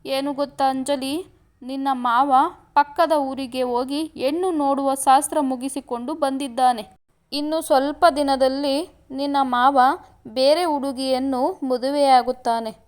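A woman's voice: high-pitched, fairly even intonation, a little slow. A woman reading aloud, voicing a tearful, jealous young village woman who pleads and accuses between sobs. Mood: hurt.

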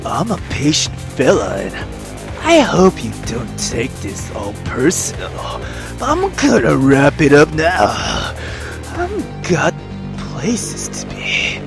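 A woman voicing a cocky, cruel male rogue who drawls his taunts slowly. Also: deep voice, wildly swooping pitch, music in the background, voice pushed down, full character voice. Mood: menacing.

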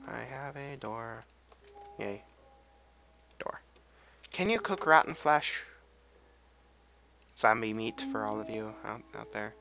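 A man's voice: fairly low pitch, expressive, slow pace, creaky, long pauses, music in the background. Young man rambling over gameplay. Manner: rambling, goes off on tangents, hums and sings to himself. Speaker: gameplay commentator. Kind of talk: casual gameplay commentary.

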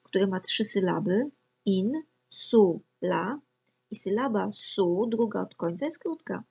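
A woman teaching a lesson on Latin pronunciation, explaining rules calmly and spelling out example words one by one. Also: mid-range voice, moderate pace, gravelly, slightly rough. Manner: calm, methodical, spells out examples. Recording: slightly dull, lo-fi recording.

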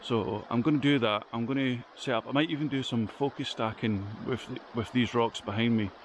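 Chatting to the camera next to a stream in the woods, a photography vlogger meanders through his thoughts with frequent ums. He speaks briskly in a mid-range voice, and a slight hiss or hum runs beneath the recording.

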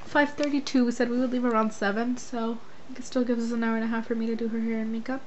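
Fast and flat, her voice sits on the high side with a slightly mellow quality. The speaker is a young American woman doing a casual, chatty vlog in her closet and bedroom, informal and rambling with frequent "like." She holds the camera at arm's length, and its audio is dull and noisy.

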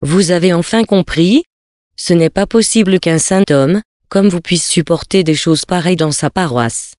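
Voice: mid-range voice, normal speed, a little mellow, no echo, clean studio sound, lightly acted. A reader voicing a brazen, gossipy young chambermaid in a storybook reading. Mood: cheeky. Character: cheeky young female chambermaid.

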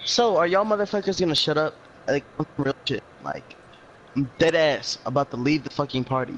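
A man in casual voice chat during a game, loud, crude and swearing a lot. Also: fairly high pitch, normal speed, highs cut off, slight background noise. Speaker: friend in voice chat.

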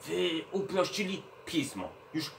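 A man's voice: on the high side, big pitch swings, takes it slowly, vocal fry, a bit bright, far from the mic, a little hiss or hum. A man working as a children's librarian, patiently explaining things to children and often checking in with them. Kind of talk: children's educational talk.

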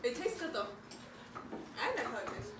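A young woman banters in a high voice, teasing and boasting. The recording is echoey and very noisy, with her some distance from the mic. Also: sing-song, moderate pace. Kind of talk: casual bantering chat. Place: home dining room, distant phone camera.

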